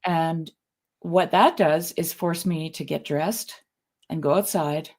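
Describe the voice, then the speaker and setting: A woman's voice: sits low, slow pace, a little mellow. A woman, co-hosting a podcast and telling a rambling personal story in casual chat, restarting often. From Canada. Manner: chatty storyteller with frequent restarts and laughs. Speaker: podcast co-host.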